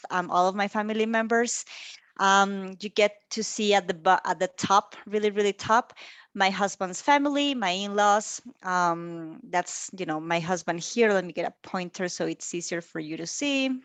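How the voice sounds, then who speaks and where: A Costa Rican woman in her thirties, appearing as a guest speaker, walks colleagues through slides during an online video-call presentation. Her voice is mid-range for a woman, and her warm, chatty delivery is packed with frequent ums filling the pauses. The recording is dry and close, with no sense of a room around her.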